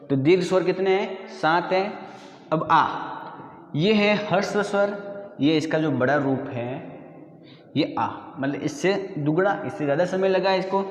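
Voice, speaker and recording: Male schoolteacher, slightly high voice, unhurried and repetitive, roomy classroom reverb. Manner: slow, patient, repeats definitions and quizzes students. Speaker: school teacher. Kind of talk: classroom grammar lesson. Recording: echoey room with long reverb.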